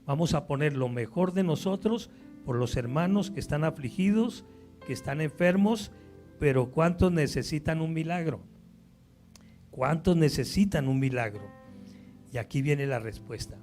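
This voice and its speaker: Male pastor, emphatic sermon delivery to a congregation, slightly high voice, soft music underneath. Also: lively intonation, moderate pace. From Colombia. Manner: emphatic, asks the congregation questions. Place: church.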